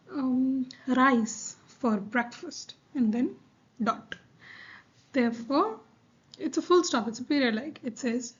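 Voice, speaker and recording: A woman teacher explaining grammar in a patient, slow lesson, repeating her points with fillers like "um" and "right". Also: high-pitched, darkish tone, dull audio.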